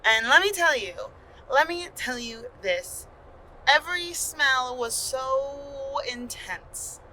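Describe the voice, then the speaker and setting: A woman's voice: sits high, animated, slow, sharp tone, slight background noise, low-quality recording. A young woman co-hosting a casual father-daughter podcast, telling a road trip story in a chatty, joking way. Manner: chatty, playful, jokey storytelling. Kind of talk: casual chat.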